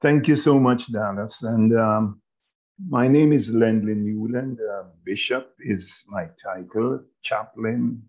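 A Jamaican man in his sixties, a bishop speaking as an interview guest, in a measured, halting way with many pauses. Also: fairly low pitch, darkish tone, lo-fi sound. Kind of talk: casual interview talk.

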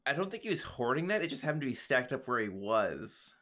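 Brisk and very animated, this co-host's mid-range voice sounds pushed and bright. He's recapping a show on a podcast in casual conversation, full of easygoing dry asides and laughter.

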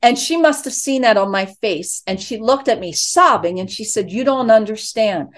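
A woman guest telling faith stories about her prison ministry, quick and enthusiastic. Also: medium pitch, animated, a bit bright. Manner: fast, enthusiastic, storytelling with laughs. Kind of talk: animated faith interview.

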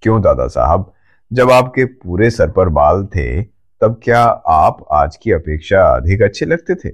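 A man's voice: lowish voice, very animated, unhurried, a little mellow. A man putting on a proud young woman. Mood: bashful. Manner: eager, slightly petulant.

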